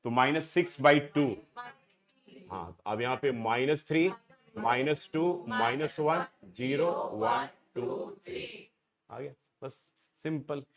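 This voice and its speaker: A middle-aged man from India teaching math to a live class, keeps quizzing students as he works through each step. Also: mid-range voice. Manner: questioning students, mixing Hindi and English. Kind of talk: classroom lecture.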